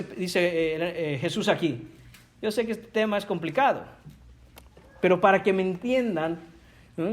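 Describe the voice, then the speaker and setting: A male pastor preaching a sermon in a church, emphatic and speaking directly to the congregation. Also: sits high. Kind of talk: Spanish-language sermon.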